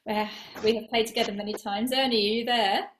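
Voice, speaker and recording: A woman's voice: on the high side, steady tone, fairly quick, fairly bright tone, echoey room, a little hiss or hum, poor audio. A woman hosting an online music broadcast on a video call, bubbly and enthusiastic as she introduces the next player. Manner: bubbly, enthusiastic, laughs easily. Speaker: host.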